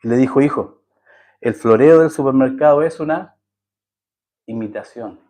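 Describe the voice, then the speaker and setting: A man's voice: mid-range voice, normal speed, a little mellow. A man preaching a sermon as a pastor, telling a story, acting out the voices in it and putting questions to the congregation. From Chile. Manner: asks the congregation rhetorical questions.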